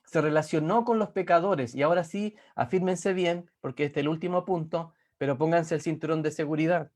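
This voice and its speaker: A man preaching a sermon as pastor, who repeats words for emphasis and reads scripture aloud. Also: fairly high pitch. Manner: repeats words for emphasis, rising and slowing on key phrases.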